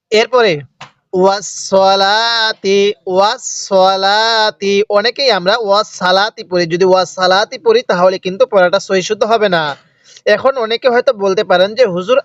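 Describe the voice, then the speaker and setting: Male Quran teacher, high voice, slow recitation between quick explanations, asks and answers his own questions, dry dull sound. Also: no room sound. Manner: asks and answers his own questions, has listeners repeat after him.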